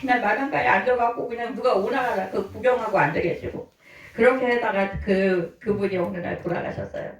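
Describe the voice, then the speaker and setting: A woman's voice: mid-range voice, fairly quick, roomy sound, recorded from a distance, low-quality recording. A woman pastor telling stories in her sermon, acting out the people she quotes and laughing often. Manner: lively storytelling, acts out quoted voices, laughs often. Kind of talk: storytelling sermon. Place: church hall.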